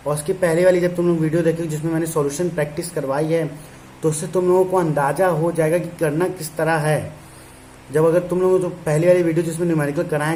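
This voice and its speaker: A man's voice: a little high, a little mellow, slight background noise, poor audio. A male teacher chatting with his students in an online class, talking casually and teasing them fondly.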